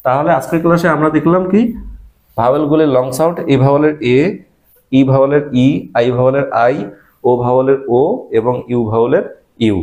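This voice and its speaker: A man's voice: medium pitch, steady tone, a little mellow. Patient man teaching phonics. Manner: patient, repeats each word slowly, checks in with "all right?"; spells letters then sounds out syllables. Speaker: English teacher. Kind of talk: step-by-step phonics lesson.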